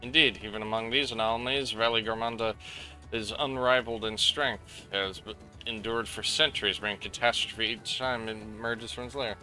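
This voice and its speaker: A man with a low, very sharp and tense voice reads game dialogue aloud on a live stream, stumbling over odd names and cursing at them. Quiet game music plays behind him. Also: steady tone, moderate pace. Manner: reads story text aloud, stumbling over names, swearing between lines.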